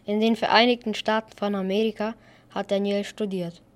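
A woman presents a school news piece from a script, playful and lively. Her pitch sits in the middle range. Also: a little fast.

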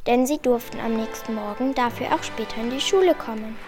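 A woman narrating a scripted news report in a steady read-out manner. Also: fairly high pitch, fairly quick, loud music behind the voice.

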